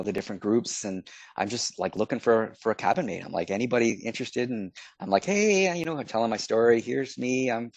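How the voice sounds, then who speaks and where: A man's voice: lowish voice, a little mellow, slightly rough, dry recording. A middle-aged man from Canada, a podcast guest telling stories in a chatty way and acting out his own past remarks. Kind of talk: casual storytelling.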